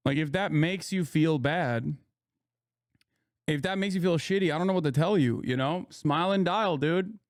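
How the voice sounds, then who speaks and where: A man's voice: a little high, moderate pace, no echo, clean studio sound. A man hosting a live stream, ranting to his chat in a profane, emphatic way. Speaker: streamer host reacting to news. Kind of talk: casual live-stream commentary.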